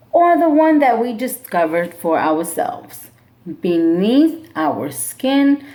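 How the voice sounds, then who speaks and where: A female teacher reads a picture book aloud to her students, slow and deliberate, her pitch rising and falling widely from line to line in expressive storybook style. When she moves on to explain the class activity, she keeps that same unhurried pace.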